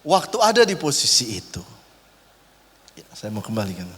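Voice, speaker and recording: A man's voice: fairly low pitch, normal speed, breathy edge. A man in his forties preaching a sermon, telling stories with humor and acting out the voices of people in them. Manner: animated, jokey, acts out voices in his stories. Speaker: pastor. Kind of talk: sermon with storytelling. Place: large church hall. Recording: live church recording with long reverb.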